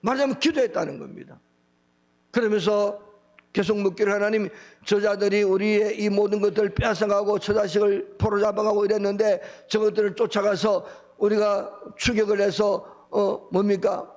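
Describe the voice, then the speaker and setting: A man preaching a sermon as pastor, with a Gyeongsang accent, acting out quoted speech with big swings of pitch. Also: steady tone, normal speed, a little mellow. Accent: Gyeongsang Korean.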